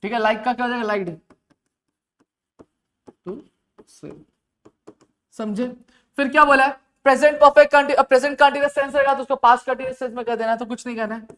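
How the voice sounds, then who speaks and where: A male teacher running a recorded grammar lesson. He keeps asking quick questions, then dictates the answers slowly, dropping to a low murmur as he writes them out. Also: a bit bright.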